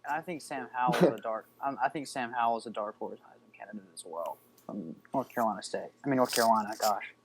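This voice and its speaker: A man's voice: medium pitch, quick pace, hardly any pauses, a little hiss or hum. A young man co-hosting a casual sports podcast, joking and playful.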